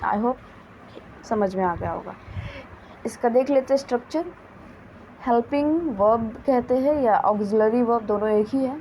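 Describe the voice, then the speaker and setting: Slow, deliberate woman teaching grammar. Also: fairly high pitch, dark tone, a little hiss or hum, poor audio. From India. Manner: slow, deliberate dictation of example sentences. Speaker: English teacher. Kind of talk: grammar lesson.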